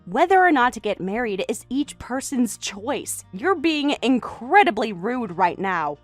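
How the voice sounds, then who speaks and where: A woman playing a calm, level-headed older sister. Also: fairly high pitch, unhurried, no echo, faint music behind. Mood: firm. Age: late 30s. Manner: calm, reasoning, firm when pushed. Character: composed older sister, single, near forty. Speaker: character in a voiced text story. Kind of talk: voice acting for a text-message story.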